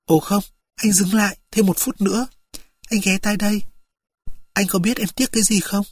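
A reader voicing a frail young woman who speaks softly and tenderly to her lover, in a husky voice. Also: medium pitch, fairly even intonation, normal speed, dry recording, voice pushed up, lightly acted. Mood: whispering. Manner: soft, pleading and intimate.

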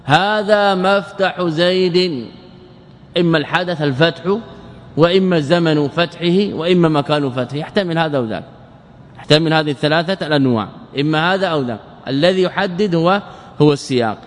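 Man teaching in a reverberant hall. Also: a little high. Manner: quizzes listeners and answers his own questions, drawls out word patterns slowly. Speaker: teacher of Arabic morphology. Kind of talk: classroom lesson explaining a verse text.

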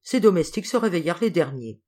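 Woman narrating a classic novel. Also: on the low side. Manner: measured, expressive reading. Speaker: audiobook reader. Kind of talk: literary audiobook narration.

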